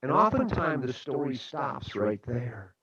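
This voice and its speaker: A man's voice: medium pitch, sing-song, measured pace, fairly bright tone, breathy edge, muffled recording. A man who is a guest speaker on a radio talk show, telling a story and giving a motivational talk in an earnest way.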